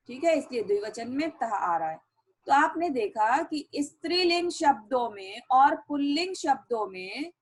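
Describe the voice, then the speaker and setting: Slow, patient woman teacher. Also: fairly high pitch, rough recording. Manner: slow, repeats each sentence in Sanskrit then Hindi. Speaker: Sanskrit teacher. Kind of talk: classroom lesson explanation.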